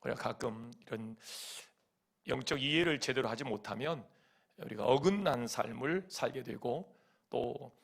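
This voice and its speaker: Gravelly, animated male pastor. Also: medium pitch, a little slow. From Chungcheong, Korea. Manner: animated storytelling, mimics voices and hums folk song lines. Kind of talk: sermon. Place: church sanctuary.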